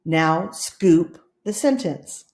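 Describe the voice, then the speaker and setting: A woman teacher giving slow, patient, step-by-step instructions for a writing lesson, reading words out one at a time. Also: fairly low pitch, animated, a little mellow.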